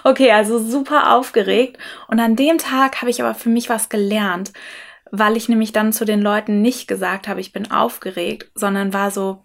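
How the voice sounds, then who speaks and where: A young woman hosting a casual podcast conversation, telling a story in a lively way with filler words. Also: medium pitch, normal speed, gravelly.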